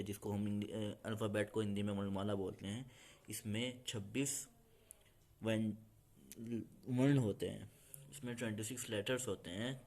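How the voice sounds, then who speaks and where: Patient low-voiced male teacher. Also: a little mellow. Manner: patient, repeats each point in two languages. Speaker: English teacher. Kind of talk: spoken grammar lesson.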